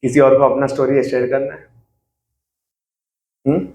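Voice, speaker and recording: Male class teacher, mid-pitched, chatty and questioning with listeners, in an echoey room. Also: level tone, measured pace, darkish tone, highs cut off. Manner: conversational, mixes English into his talk, quizzes listeners. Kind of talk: interactive scripture class.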